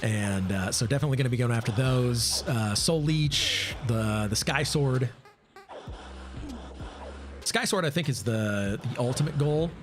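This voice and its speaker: Man game streamer, loose off-the-cuff chat with chat replies, mid pitch, music behind. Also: expressive, a little slow. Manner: casual, thinks aloud and answers chat, many fillers. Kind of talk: live gameplay commentary.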